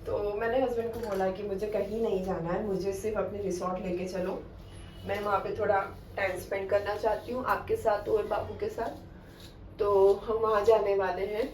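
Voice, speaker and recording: A woman's voice: mid-range voice, little pitch movement, normal speed, darkish tone. A young woman talking casually to her viewers in a chatty home vlog. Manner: chatty, addresses viewers directly. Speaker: vlogger. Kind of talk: casual vlog talk to camera. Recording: echoey room, voice a bit far from the mic, faint background hum.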